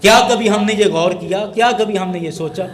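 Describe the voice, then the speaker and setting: Male Islamic preacher, high voice, rhetorical questioning style, echoey hall recording. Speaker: Islamic scholar. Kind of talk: sermon.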